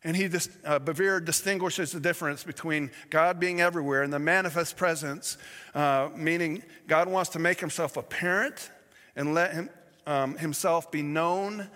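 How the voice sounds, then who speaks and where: A man preaches a sermon in a storytelling way, stumbling over words and correcting himself as he goes. His voice sits a little high for a man. A long reverb trails behind him, as in a large hall. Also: bright, forceful tone. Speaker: pastor.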